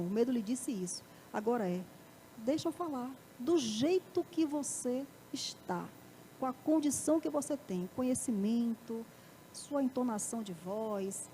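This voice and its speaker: High-voiced Brazilian woman lecturing. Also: dark tone, a little hiss or hum. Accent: Brazilian Portuguese. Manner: asks the audience frequent rhetorical questions. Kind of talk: live motivational talk. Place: parish auditorium.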